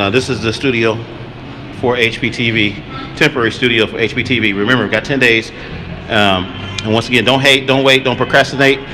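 A mid-range male voice belongs to a man in his forties, a vlogger giving a loose, chatty walkthrough of his streaming setup and repeating himself as he explains. It was captured at night in a noisy coffee shop on a camera-mounted mic, first handheld and later on a tripod.

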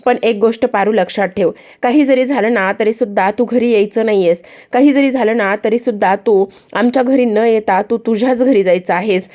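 A woman's voice: a little high, moderate pace, hardly any pauses, natural voice. A woman reading as a furious jealous young woman. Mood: angry accusing. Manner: accusing, sharp rhetorical questions.

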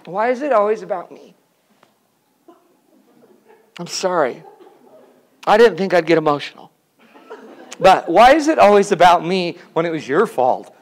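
A man's voice: high voice, lively intonation, a little slow, pauses often. A man playing an indignant, self-pitying man who blames everyone else in a whiny outburst.

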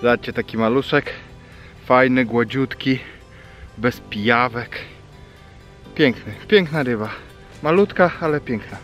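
A man in his thirties makes a fishing vlog beside a small river, chatting casually and explaining what he's doing as he fishes. His mid-range voice is a bit bright and moves at a measured pace with long pauses, while faint music plays in the background.

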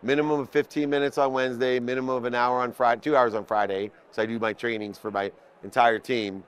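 Onlookers gather at an indoor convention booth as a man in his fifties coaches through an unscripted business talk, emphatically stacking points in parallel phrasing. He talks fast, with a medium-pitched, smooth voice and fairly even intonation, captured by a small mic clipped to his collar.

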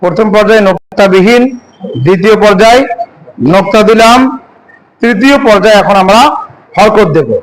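A man gives a classroom lesson on Arabic letters for Quran reading, speaking fairly quickly in a high-pitched voice with long pauses. He poses questions and answers them himself, stretching out words as he recites, and the audio quality is poor.

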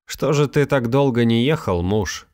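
A man's voice: mid-range voice, lively intonation, measured pace, darkish tone, voice pushed up, lightly acted. A man voicing a weary, plain-spoken old village grandmother in a storybook reading, with a raised, rustic, sighing delivery.

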